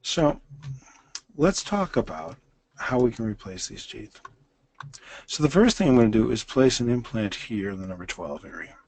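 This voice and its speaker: A man's voice: medium pitch, animated, normal speed, pauses often, darkish tone. A man in his sixties giving a lecture that walks listeners through a dental case. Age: 60s. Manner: explanatory, walks through images step by step.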